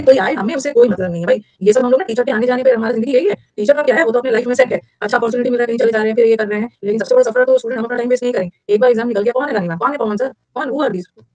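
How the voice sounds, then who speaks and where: A woman's voice: on the high side, a little mellow, dry recording, poor audio. A woman with an Indian accent teaching a vocabulary lesson, chatty, repeating key words and putting questions to her students. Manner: repeats key words, mixes English into Hindi; chatty, asks the class questions. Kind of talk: online exam-prep vocabulary lesson.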